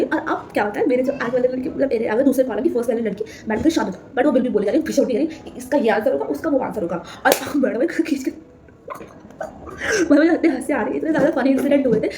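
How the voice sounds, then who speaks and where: A woman's voice: high-pitched, rapid-fire, crowd noise. A teenage girl vlogging casually to camera, rambling, repeating herself and laughing as she tells a story.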